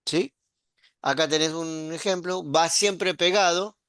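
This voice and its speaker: A middle-aged man explains Hebrew grammar at an unhurried, deliberate pace. He keeps checking in with quick questions to his listeners. The sound is dry and close, with no room around it. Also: a little high, steady tone, a bit bright, clear, resonant tone, no room sound. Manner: patient, explaining step by step with frequent "¿sí?" and "¿ves?" checks. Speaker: Hebrew teacher. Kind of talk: classroom grammar lesson.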